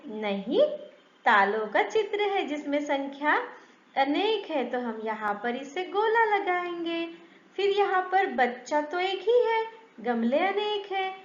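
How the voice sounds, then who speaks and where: Female primary teacher, unhurried sing-song questions, slightly muffled roomy recording. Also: very high-pitched. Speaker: primary school Hindi teacher. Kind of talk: children's grammar lesson. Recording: echoey, slightly dull room sound.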